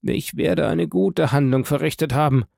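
Frantic male prosecutor for an audiobook, read by a man: gravelly and urgent, dry close sound. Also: a little high, moderate pace, a little mellow, dry recording, voice pushed up. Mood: solemn. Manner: anxious, calling out urgently. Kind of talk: audiobook reading.

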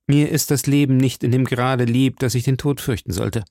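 A man voicing a proud, fearless young musketeer who speaks earnestly and forcefully. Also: mid-range voice, fairly even intonation, moderate pace, no echo, clean studio sound, voice pushed up, close to an everyday voice.

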